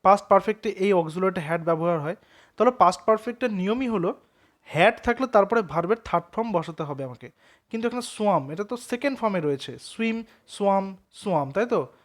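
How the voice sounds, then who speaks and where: A man's voice: sits high, animated, brisk. A man teaching a grammar lesson with a Bengali accent, explaining step by step and often asking whether students follow. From West Bengal. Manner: explains step by step, asks checking questions.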